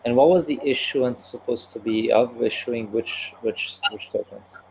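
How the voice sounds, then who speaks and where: A man interviewing a guest in casual conversation, chiming in with quick agreements and polite questions. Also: mid-range voice, slight background noise, low-quality recording.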